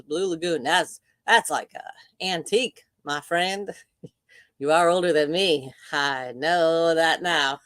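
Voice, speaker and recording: An older woman hosts a relaxed livestream, reading viewers' comments aloud and laughing along. Her voice sits a little low and she takes her time. The sound is close and dry, with no room around it. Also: no room sound. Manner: chatty, reads chat comments aloud and laughs often. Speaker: livestream host. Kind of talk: casual live chat reading viewer comments.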